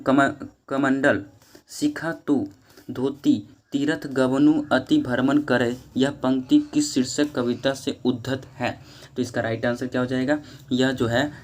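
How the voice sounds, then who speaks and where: A man going through exam questions one by one, reading each question and then repeating it as he gives the answer. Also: mid-range voice.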